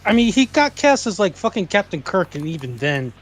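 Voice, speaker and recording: A man chatting casually on a stream, speaking haltingly with many restarts. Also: high-pitched, very animated, slight background noise. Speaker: stream guest. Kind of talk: casual chat.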